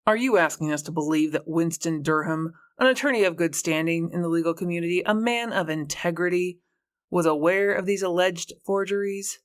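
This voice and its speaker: A woman's voice: on the low side, a little fast, lightly acted. A woman voicing a smarmy male trial lawyer in an audiobook, pompous and incredulous. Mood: scornful disbelief. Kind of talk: audiobook character voice.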